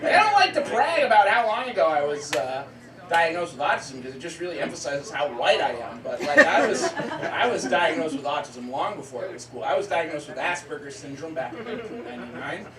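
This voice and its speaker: A man in his thirties from southern Maine doing a deadpan, self-deprecating stand-up set, repeating his lines. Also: fairly high pitch, a little fast. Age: 30s. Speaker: stand-up comedian. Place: comedy club stage. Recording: roomy club sound from a distance, loud crowd laughter. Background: crowd laughing.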